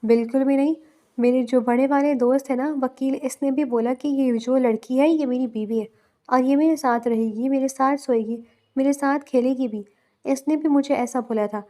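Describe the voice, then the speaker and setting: A woman reading the lines of a grown man with a childlike, innocent mind, softly and stubbornly. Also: high voice, fairly even intonation, natural voice.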